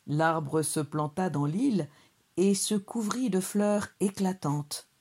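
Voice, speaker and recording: Slow, husky woman reading a storybook. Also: fairly low pitch. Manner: calm, measured storytelling. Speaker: storybook reader. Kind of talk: reading a children's story aloud.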